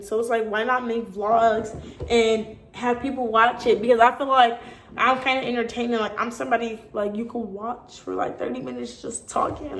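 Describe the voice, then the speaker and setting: A young woman with a slightly high voice chats her way through a casual Q&A vlog. She talks straight to her viewers in a lively, animated way. The room around her is echoey. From California. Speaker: YouTuber.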